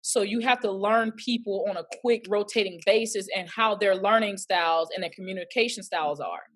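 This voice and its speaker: A woman's voice: mid-range voice, brisk. A woman, an actress chatting as an interview guest and acting out quoted voices as she tells stories. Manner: lively storyteller who acts out quoted voices. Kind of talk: casual interview chat.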